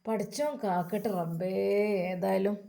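A doting, devout old mother, as a woman puts her on, who speaks with a Malappuram accent and showers her children with blessings. Her voice sits at a middle pitch and moves in a fond, caring way. This is a figure from a spoken family story. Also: measured pace, creaky, dark tone. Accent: Malappuram Malayalam. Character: devout elderly mother, tender and pious.

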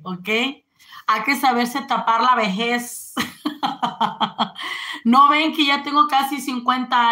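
A woman's voice: fairly high pitch, bright, forceful tone. A woman, chatting casually on a live stream and greeting viewers. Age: 40s.

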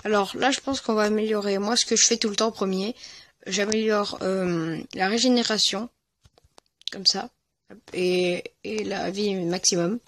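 A male gamer giving casual commentary over his own gameplay, talking in a halting way with fillers and restarts. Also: sits high, fairly even intonation, fairly bright tone, no echo. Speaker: gaming video host.

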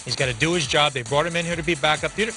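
A man in his forties giving post-game hockey analysis in a TV studio, talking fast with restarts, on a lapel mic. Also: on the high side, over music. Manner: fast, animated talk with restarts, gesturing with hands. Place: TV studio set.

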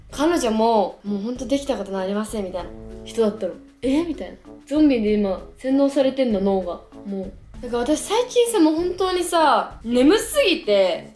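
Young woman vlogger, slightly high voice, casual slangy chat, echoey indoor room. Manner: chatty slangy young woman, lively storytelling with playful exaggeration. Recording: echoey room with faint music. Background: faint background music.

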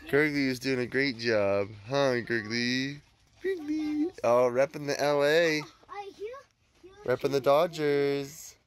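A man's voice: medium pitch, fairly even intonation, slow. Groggy man vlogging a campground tour. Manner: chatty and upbeat, with loose fillers. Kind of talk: casual vlog walkthrough. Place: campground, outdoors and inside a tent.

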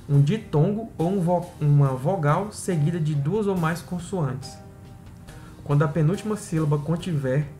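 A man, hosting a podcast, reads pronunciation rules aloud slowly and then explains them in casual asides. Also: a little high, darkish tone. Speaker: podcast host.

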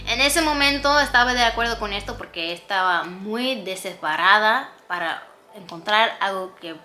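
A woman's voice: mid-range voice, animated, moderate pace, pushed and bright, faint music behind. A young woman vlogger telling a candid personal story, mixing in English words. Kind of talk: storytime narration.

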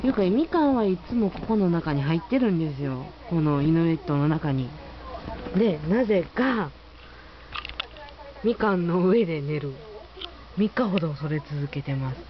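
A woman's voice: low voice, lively intonation, normal speed. A woman with a Kansai accent chatting to her dogs in a home video, coaxing and scolding them in a sing-song way. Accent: Kansai Japanese. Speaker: dog breeder. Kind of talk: casual home video narration. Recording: muffled home video with background noise.

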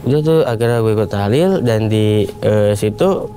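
A young man recounts a story in relaxed street slang. His voice is mellow and sits at a middle pitch, and he jumps into the quoted voices of the people in the tale. A faint hiss of room noise stays underneath him. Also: moderate pace. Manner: animated retelling in casual Jakarta slang, acts out quoted voices. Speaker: guest storyteller. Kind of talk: casual storytelling.

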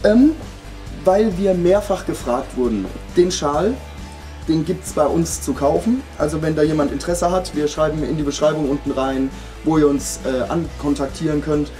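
Man casually announcing giveaway, bright voice. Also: a little high, normal speed, soft background music. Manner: informal, chatty, addressing viewers directly. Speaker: video channel host. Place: indoors in a home room.

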